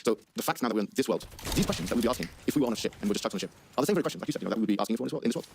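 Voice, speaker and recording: A man's voice: lowish voice, expressive, very fast, gravelly, background noise. A man from Egypt hosting a stage discussion, eager and repetitive, full of fillers.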